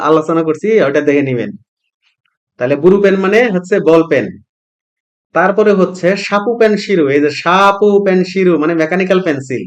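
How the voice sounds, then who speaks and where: A middle-aged man teaching a vocabulary lesson, repeating words and asking and answering his own questions. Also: sits high. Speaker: language teacher.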